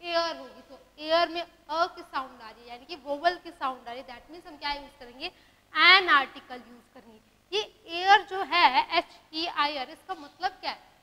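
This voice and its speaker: Woman teacher, Indian accent, very high and bright voice, asks and answers her own questions, slow dictation, reverberant classroom sound. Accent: Indian English. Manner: asks questions and answers them herself, dictates examples slowly. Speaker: English grammar teacher. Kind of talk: classroom grammar lesson.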